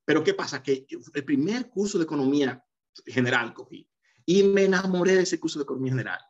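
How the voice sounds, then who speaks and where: Hesitant Dominican man, slightly high voice. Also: animated, fast talker. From Dominican Republic. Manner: hesitant, full of repeated "eh" fillers and restarts. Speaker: interview guest, economist. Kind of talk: casual life-story interview. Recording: dull, slightly lo-fi sound.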